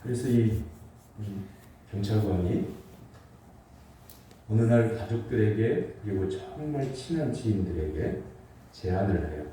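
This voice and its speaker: A man's voice: on the low side, animated, measured pace, long pauses, warm tone, slight background noise. A male senior pastor giving a Sunday sermon through a face mask, telling stories and asking the congregation questions. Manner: storytelling preacher with rhetorical questions to the congregation. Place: large church sanctuary. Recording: echoey hall, from a distance.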